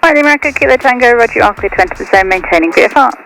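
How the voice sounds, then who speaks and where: A woman speaking as an air traffic controller over the radio, giving clipped clearances. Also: fairly high pitch, lively intonation, racing. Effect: aircraft radio transmission.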